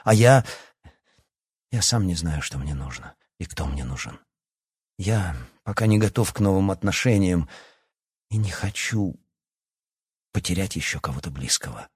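A man voicing a guarded, hesitant young werewolf heir in an audiobook, speaking softly. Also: sits low, lively intonation, measured pace, long pauses, husky, no room sound, clean studio sound, pitched below the performer's own voice, exaggerated voice.

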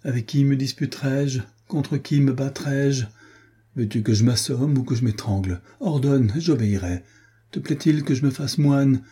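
A man's voice: mid-range voice, moderate pace, dark tone, breathy edge, pitched above the performer's own voice. A man voicing a distraught young nobleman. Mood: anguished. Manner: anguished, pleading, explosive.

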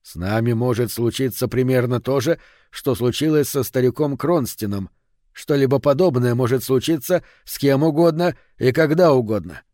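A man's voice: mid-range voice, moderate pace, dark tone, no room sound, clean studio sound, lightly acted. A man voicing an uneasy, frightened husband who owns funeral homes, talking in an anxious, brooding way.

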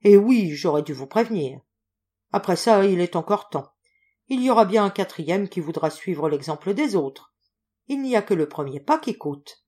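A woman voicing a chatty, gossipy male junk dealer in an audiobook, telling his tale loudly and with lots of exclamations. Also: on the low side, normal speed, slightly rough. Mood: gossiping. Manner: loud, exclaiming, animated storytelling. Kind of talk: audiobook character voice.

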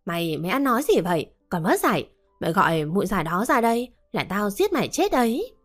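A spiteful young wife, played by a woman storyteller, snaps harsh threats in a biting tone. The reading sits over quiet background music. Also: medium pitch, sing-song, fairly quick. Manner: harsh scolding, then desperate pleading.

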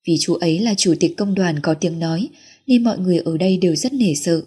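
A woman narrating a romance novel in the first person, in a calm, steady reading voice. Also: fairly low pitch, slightly rough. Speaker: audiobook narrator.

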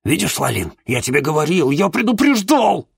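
A man's voice: on the high side, big pitch swings, moderate pace, creaky, husky, voice pushed up, heavily acted. A man voicing a suspicious, stubborn older father who grumbles and distrusts. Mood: grumbling.

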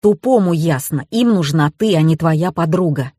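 A man's voice: expressive, warm tone, dry recording, studio quality. A woman reading an audiobook, voicing a blunt, bossy young man who talks curtly and sternly. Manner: curt and stern, lower and slower.

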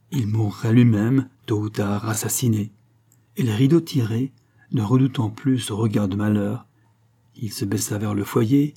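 A man reading an audiobook with measured, dramatic storytelling. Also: mid-range voice, mellow, breathy edge. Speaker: audiobook narrator. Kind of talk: scripted audiobook narration.

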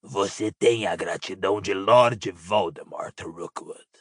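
A man doing a cold, cruel dark lord. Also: deep voice, no echo, clean studio sound, voice pushed down. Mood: cold menace. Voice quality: cold, creaky and husky. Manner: slow, quiet and icy menace. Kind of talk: audiobook character voice.

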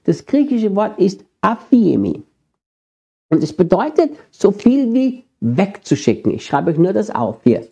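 A man's voice: sits high, wildly swooping pitch, unhurried, dark tone, slightly rough. A middle-aged man with an Austrian accent preaching a sermon, earnestly addressing his congregation. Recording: dull lo-fi sermon recording.

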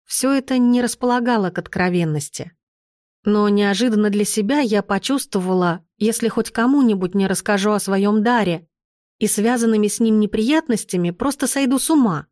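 A woman narrating an audiobook in the first person, in a calm and measured storytelling manner. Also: medium pitch, dry recording, clean studio sound.

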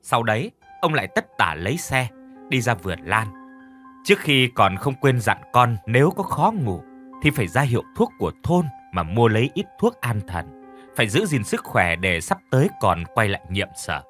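A male narrator reads a horror story with lively, sweeping intonation at a middle pitch. He slows and speeds up for suspense. Quiet music runs under his voice. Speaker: audiobook narrator.

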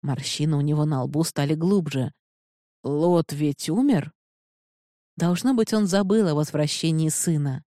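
Audiobook narrator: woman, low mellow voice, measured delivery, dry close sound. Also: no room sound. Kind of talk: scripted narration.

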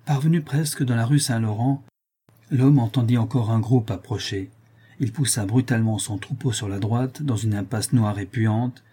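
Mellow, husky male audiobook narrator. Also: mid-range voice. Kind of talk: scripted narration of a historical novel.

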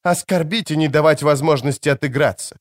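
A male audiobook reader voicing a defiant, hot-tempered young woman who answers with sharp, mocking retorts. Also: on the high side, brisk, no echo, clean studio sound, pitched above the performer's own voice, natural voice. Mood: furious mocking. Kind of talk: audiobook character reading.

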